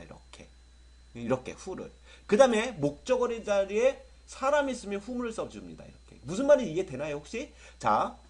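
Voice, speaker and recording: A middle-aged man from South Korea teaching English grammar to students, lively and often checking whether they follow. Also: high-pitched. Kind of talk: lecture to students.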